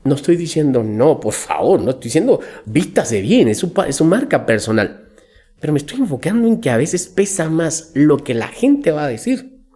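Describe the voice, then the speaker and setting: A man speaking as a business coach in a podcast interview, telling lively stories and acting out the people he quotes. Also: fairly high pitch. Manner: animated storyteller acting out quotes.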